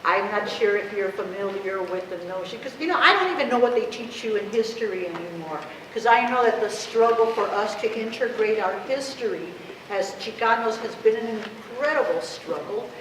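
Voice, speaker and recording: An animated woman in her fifties with a mid-range, fairly bright voice speaks at normal speed, giving a heartfelt, conversational activist talk in Spanish peppered with rhetorical questions. She's recorded from afar in an echoey room with clear noise.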